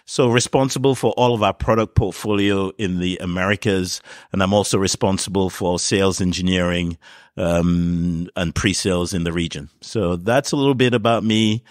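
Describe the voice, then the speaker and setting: A man in his fifties from Cameroon, a podcast guest telling his life story in a relaxed way with many fillers. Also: low voice, normal speed, dry recording, clean studio sound. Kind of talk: casual interview talk.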